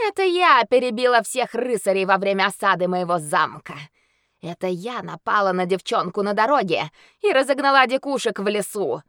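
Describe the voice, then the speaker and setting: A woman's voice: medium pitch, a bit bright, no echo, studio quality, pitched above the performer's own voice, lightly acted. A woman voicing a proud female werewolf noblewoman with a ringing, melodious voice. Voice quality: ringing, melodious, snarling when angry.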